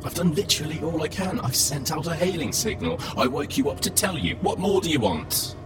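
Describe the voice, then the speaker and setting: An actor playing an aggrieved, shaken spaceship AI in a science fiction audio drama, speaking emotionally and hesitantly like a person. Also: male voice, a little high, very animated, brisk. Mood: hurt, exasperated. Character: aggrieved, shaken male spaceship AI, century-old and humanlike. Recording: loud music under the voice. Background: loud music.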